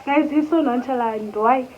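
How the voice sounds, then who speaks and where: A young woman hosting a casual prank vlog, talking playfully and mixing in local words. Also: high voice. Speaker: vlogger. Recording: tinny phone-like audio with faint noise.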